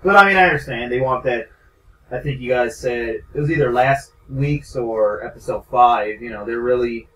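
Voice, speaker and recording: A man's voice: mid-range voice, normal speed, a bit bright. A young man co-hosting a wrestling podcast, joking and swearing freely in casual talk. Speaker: podcast co-host. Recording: echoey room, far from mic, faint noise.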